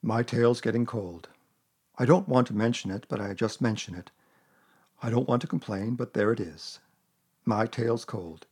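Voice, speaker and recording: A man's voice: mid-range voice, expressive, a little fast, darkish tone, husky. A man voicing a gloomy, put-upon donkey who grumbles mournfully and sarcastically in a storybook reading. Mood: gloomy grumbling.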